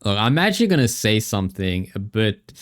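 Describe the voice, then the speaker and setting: A man's voice: fairly low pitch, very animated, a little fast. A man livestreaming from a home setup, chatting casually and thanking viewers over a headset mic in a rambling, upbeat way.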